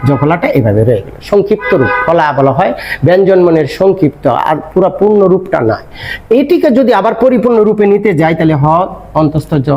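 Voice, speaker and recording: High-pitched male grammar teacher, explains step by step and quizzes himself. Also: darkish tone, low-quality recording. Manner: asks and answers his own questions. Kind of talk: explanatory lecture.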